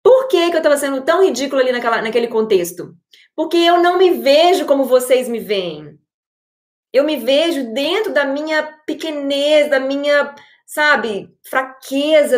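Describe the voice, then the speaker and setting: A Brazilian woman giving an energetic, expressive motivational talk to her audience as an online creator. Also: sits high, normal speed, roomy sound.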